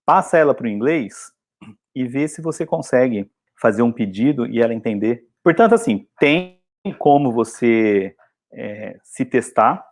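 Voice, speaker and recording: A Brazilian man in a casual video lesson, talking to his students in a chatty, encouraging way. His pitch leaps and dips a lot as he talks. His voice sits in an ordinary middle range for a man. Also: animated, unhurried. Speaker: English teacher.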